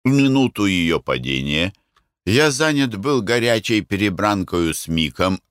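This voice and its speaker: Expressive low-voiced male audiobook narrator. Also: unhurried, smooth, dry recording, studio quality. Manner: expressive, even-paced reading. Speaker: audiobook reader. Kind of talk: scripted narration.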